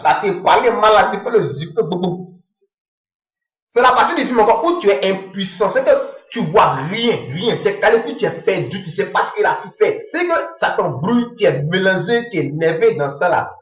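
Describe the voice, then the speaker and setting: A man telling a comic monologue in an animated way, slipping into low muttered voices as he acts out phone calls. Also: echoey room, poor audio.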